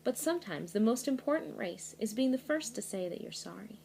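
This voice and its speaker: A woman reading as a gentle storybook mother. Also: mid-range voice, lively intonation, brisk, gravelly, a little hiss or hum. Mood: soothing. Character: gentle mother comforting her young son.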